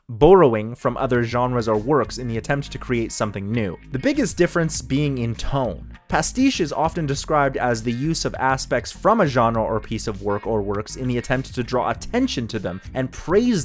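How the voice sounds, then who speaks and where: A man giving scripted narration for a video essay in an analytical tone, with dry jokes tossed in. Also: mid-range voice. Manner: dry jokey asides in an analytical tone.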